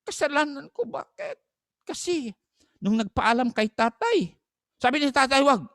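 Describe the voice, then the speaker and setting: A male preacher voicing a remorseful middle-aged mother who confesses her fault to God in a high, pleading voice. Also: very animated, measured pace, gravelly, fairly bright tone, no room sound, studio quality, exaggerated voice.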